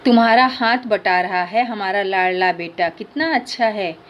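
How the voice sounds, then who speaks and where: A woman's voice: mid-range voice, moderate pace, slight background noise, natural voice. A woman teacher voicing a kind father reassuring his son.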